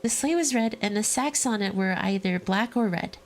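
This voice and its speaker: Streaming a game, a woman gives a dramatic reading of its story aloud, stopping between passages to joke and laugh. Her voice is medium-pitched and her pace moderate.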